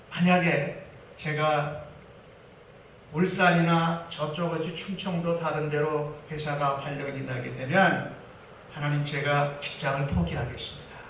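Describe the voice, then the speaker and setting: A man voicing a devout young man who quietly pleads in prayer, inside a sermon. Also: sits high, far from the mic, a little hiss or hum. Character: earnest young man praying humbly. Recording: roomy hall from afar.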